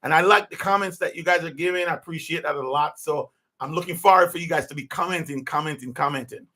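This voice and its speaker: A man's voice: on the high side, fast talker, bright, forceful tone. A man, hosting a podcast as an unscripted personal monologue, earnest and rambling, with many restarts. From Jamaica. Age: 50s. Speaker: podcast host.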